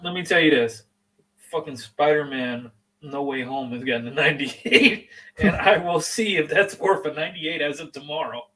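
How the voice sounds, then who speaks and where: Joking man co-host with loud bursts. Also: on the high side, moderate pace, recorded from a distance, poor audio. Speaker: podcast co-host. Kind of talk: casual banter.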